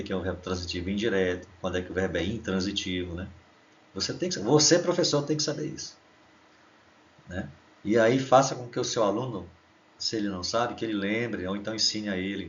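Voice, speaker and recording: A middle-aged Brazilian man whose first language is Portuguese, teaching an online English lesson and explaining at length with constant "né?" and slowly spelled-out examples. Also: on the low side, lively intonation, dull audio, slight background noise.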